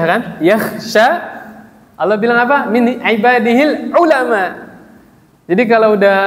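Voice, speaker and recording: A man preaching at a mosque study circle, often asking his listeners questions and answering them himself, and reciting Arabic verses slowly. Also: fairly high pitch. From Indonesia. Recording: long echo in a large hall, faint ambient noise.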